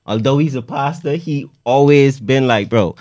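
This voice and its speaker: A man talking casually as a rapper in an interview, slangy and animated in his storytelling, often checking that the listener follows. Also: medium pitch, moderate pace, no echo, studio quality.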